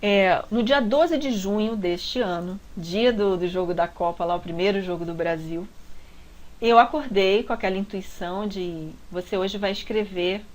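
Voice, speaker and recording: A woman's voice: mid-range voice, moderate pace, poor audio. Heartfelt Brazilian woman telling a story. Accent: Brazilian Portuguese. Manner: heartfelt, confiding, frequent tag questions. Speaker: relationship coach. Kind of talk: personal storytelling talk.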